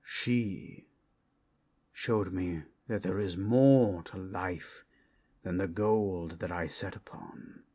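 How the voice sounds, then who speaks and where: With a deep, warm voice in full character, a man portrays an ancient dragon standing guard over its hoard, solemn and protective, in a dramatic ASMR roleplay. His husky, breathy lines are broken by grave, deliberate pauses. The tone is solemn and reflective.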